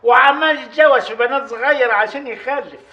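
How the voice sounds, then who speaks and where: A weary, exasperated chief's son. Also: male voice, very high-pitched, fast talker, dull audio. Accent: Upper Egyptian. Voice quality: earnest, exasperated. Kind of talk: period TV drama acting.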